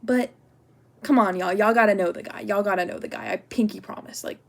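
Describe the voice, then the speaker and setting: A woman's voice: mid-range voice, brisk, gravelly. A young woman student talking casually through an assignment, full of "like" and "um", candid and getting worked up over a personal story. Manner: chatty, lots of "like" and "um". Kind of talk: casual spoken assignment response.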